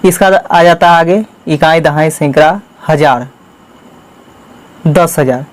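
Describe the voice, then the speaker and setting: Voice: mid-range voice, slow. A teacher hosting a channel, giving a step-by-step maths lesson for children, patiently repeating and counting out each term one at a time.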